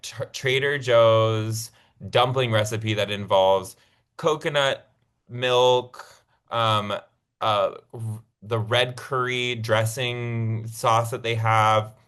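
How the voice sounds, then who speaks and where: A man co-hosting a casual podcast, chatty and excitable, with plenty of fillers. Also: medium pitch, clean tone. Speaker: podcast co-host. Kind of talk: casual chat.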